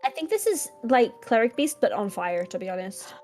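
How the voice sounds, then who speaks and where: A woman's voice: fairly high pitch, very animated, normal speed, darkish tone. A woman streamer chatting casually as a guest in a cute anime streamer manner, playful, rambling and mock-serious. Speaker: streamer, talk show guest. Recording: music playing in the background. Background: music.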